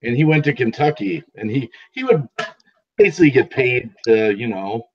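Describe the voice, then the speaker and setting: A man hosting a live stream, chatting casually and quick to laugh and exclaim. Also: mid-range voice, expressive, muffled recording. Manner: easily amused, exclaims often. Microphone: video call.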